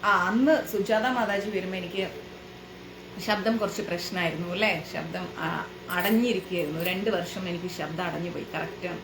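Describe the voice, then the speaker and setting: A woman's voice: fairly low pitch, fairly even intonation, normal speed, noisy background. A woman giving a spiritual lecture to a class, asking the listeners questions and explaining with everyday examples. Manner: asks the listeners rhetorical questions. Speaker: devotional class teacher. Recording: echoey room.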